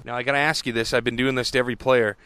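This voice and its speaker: A man's voice: medium pitch, little pitch movement, rapid-fire, bright, forceful tone, clear, resonant tone. A man interviewing ballplayers, asking joking, teasing questions in a casual chat.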